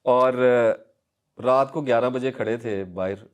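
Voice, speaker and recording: A man, a guest recounting anecdotes in a lively conversational way, slipping in English phrases. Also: medium pitch, smooth. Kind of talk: conversational storytelling.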